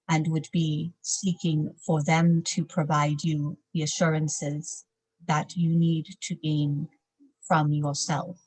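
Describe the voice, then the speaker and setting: A woman speaking as a trance medium, in formal, solemn, measured phrases, as if a spirit guide were advising a client. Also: deep voice, dark tone, rough recording. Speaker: trance channeler, seance medium.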